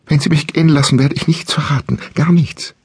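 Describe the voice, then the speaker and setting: A man's voice: fairly high pitch, steady tone, brisk, darkish tone, slightly rough, no echo, studio quality, voice pushed up. A man voicing a terrified young woman held captive, stammering and begging desperately in an audiobook thriller. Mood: pleading.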